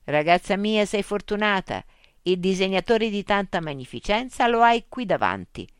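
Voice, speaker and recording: Lady reading as a bold confident woman scientist, brisk and amused, dry sound. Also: medium pitch, animated, smooth, dry recording, voice pushed up, close to an everyday voice. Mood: forthright.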